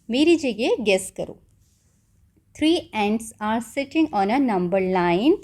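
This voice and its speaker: A woman's voice: on the high side, a little mellow. A woman teacher with an Indian accent, reading out a school maths lesson and explaining each line, asking the children questions and answering them herself. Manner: switches between Hindi and English, reading each line then explaining it.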